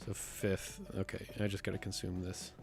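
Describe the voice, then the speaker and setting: A man streaming live with a sick, rough voice. He chats casually and thinks aloud as he builds a map, often counting under his breath. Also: low-pitched, completely flat delivery, normal speed, over music. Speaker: streamer and host.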